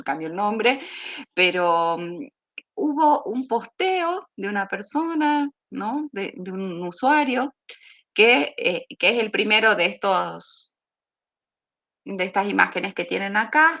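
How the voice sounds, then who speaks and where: A woman with an Argentine accent, a university lecturer leading an online seminar, explaining steadily with thinking pauses. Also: mid-range voice, a bit bright. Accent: Argentine Spanish. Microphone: video call. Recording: dull lo-fi video call audio.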